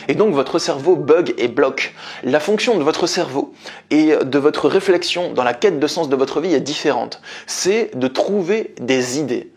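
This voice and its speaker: A man's voice: a little high, expressive, unhurried, darkish tone, husky. A man speaking as a life coach, giving earnest, explanatory motivational advice straight to his viewers.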